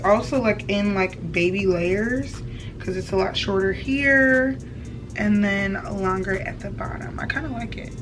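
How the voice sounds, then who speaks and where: Here a young adult woman, medium in pitch and fairly bright in tone, banters playfully in slang as if walking viewers through a hair tutorial. Recorded indoors against a plain wall, the audio comes from a slightly distant mic with some faint music.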